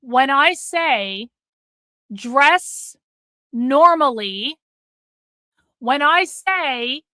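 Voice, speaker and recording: A woman's voice: sits high, animated, extremely slow, long pauses, bright, forceful tone, no echo, clean studio sound. A middle-aged woman hosting a livestream, talking bluntly to her chat, swearing freely and repeating herself for emphasis while losing her voice. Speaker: livestream host. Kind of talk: casual livestream talk to chat.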